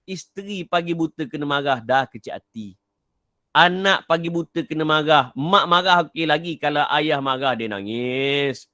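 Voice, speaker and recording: A man's voice: fairly high pitch, normal speed, sharp tone, no room sound, studio quality. A middle-aged man from Kelantan, Malaysia, giving a live online motivational talk. He repeats his key points, quizzes listeners and reads their answers from the chat. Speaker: motivational speaker.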